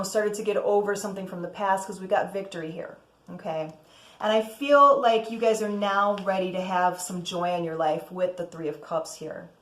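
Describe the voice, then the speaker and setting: A woman with a medium-pitched voice gives a casual, chatty tarot reading as host in an echoey room. She keeps checking in with "okay?" and lets out cheerful whoops.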